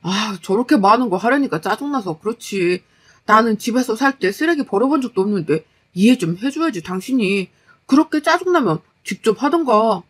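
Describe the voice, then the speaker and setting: A woman's voice: a little high, lively intonation, normal speed, breathy edge. A woman voicing a lazy, defensive young husband who sounds whiny, dismissive and irritable. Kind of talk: storytelling dialogue.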